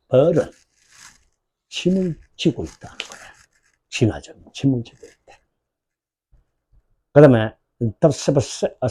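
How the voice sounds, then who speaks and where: Husky Korean English teacher lecturing. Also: male voice, medium pitch. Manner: lively, questioning, drawls English words slowly. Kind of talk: exam prep lecture.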